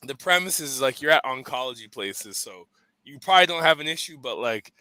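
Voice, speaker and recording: A man's voice: medium pitch, expressive, a little fast, sharp tone, dry recording, rough recording. A man co-hosting a podcast, chatting casually and rambling through stories in which he acts out what other people said. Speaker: podcast co-host.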